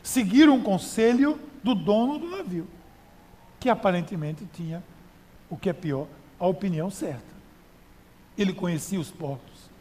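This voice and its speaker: A man's voice: high voice, lively intonation, moderate pace, long pauses, mellow, big-room sound. A male pastor preaching a sermon in a conversational style, with rhetorical questions and emphatic repetition.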